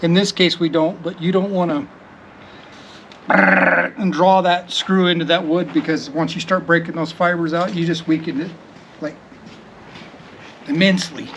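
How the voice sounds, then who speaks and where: A man's voice: a little high, fairly even intonation, moderate pace, pauses often, background noise. A man with a Southern US accent explaining woodworking tips plainly in a home garage. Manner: plain-spoken, instructive. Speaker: builder helping on the project. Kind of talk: casual how-to explanation.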